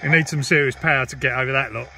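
Sitting in a parked car, a vlogger and CB radio hobbyist chats casually while demonstrating his radio, racing along in a mid-range voice with fairly even intonation. CB static and chatter fill the background, with clear background noise and radio hiss.

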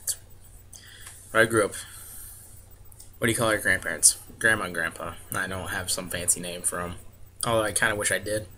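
Low-voiced young American man, bright tone. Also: steady tone, fairly quick, pauses often, a little hiss or hum. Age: 20s. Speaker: vlogger answering a questionnaire. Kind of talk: casual chat with word-list and book reading. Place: small home room, indoors. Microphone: webcam or laptop mic at arm's length.

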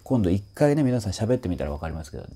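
A voice trainer explains a song in a casual music lesson, animatedly singing short phrases to demonstrate how they go. His voice is lowish and slightly rough, and he talks at a racing pace.

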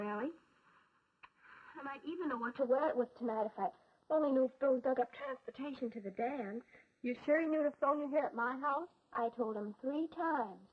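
High-voiced 1940s American high school girl. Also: husky. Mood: confiding. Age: young adult. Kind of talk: 1940s instructional film acting. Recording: dull, lo-fi 1940s film soundtrack.

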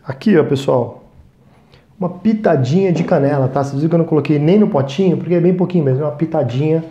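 A Brazilian Portuguese–accented man in his thirties hosts a cooking demonstration on a small studio kitchen set, chatting to viewers as "gente" while he works. His voice is fairly high yet dark in tone, the audio roomy and lo-fi, and he keeps checking in with a quick "tá?", meaning "right?".

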